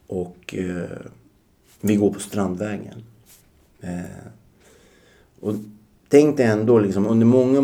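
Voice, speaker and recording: A man in his forties recounts his past as a podcast guest. His voice sits low with a gravelly edge and a dark tone. He speaks reflectively, with frequent hesitations. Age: 40s. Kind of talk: personal storytelling.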